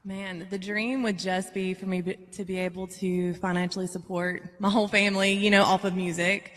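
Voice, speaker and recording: Woman, singer-songwriter guest, relaxed conversational delivery, heavy big-hall echo on a live-stream mic. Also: mid-range voice, normal speed. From southern Georgia, USA. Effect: big hall reverb on the mic. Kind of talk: casual interview chat. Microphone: live-stream call with reverb left on.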